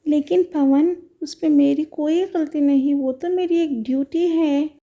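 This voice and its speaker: A woman's voice: high voice, fairly even intonation, a little slow, dark tone. A woman voicing an earnest young schoolgirl who is class leader, speaking politely to her teacher. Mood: pleading.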